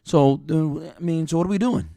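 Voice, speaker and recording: Gravelly, laughing male podcast co-host. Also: on the high side, moderate pace, dry recording. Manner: animated, laughs often, thinks aloud with restarts. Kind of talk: casual opinionated chat.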